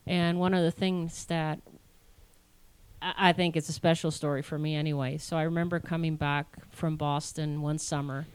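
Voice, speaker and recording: A woman's voice: sits low, little pitch movement, moderate pace, clean tone. A middle-aged woman artist telling her life story in a casual interview, chatty with many fillers and restarts. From born in Washington, D.C., raised in Connecticut and Virginia. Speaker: professional artist, interview guest.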